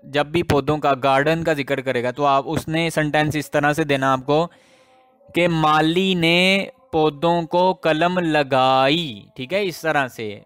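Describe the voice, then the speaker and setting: A man teaching a grammar lesson, explaining slowly with example sentences and repeating the key words. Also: fairly high pitch, a bit bright. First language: Urdu.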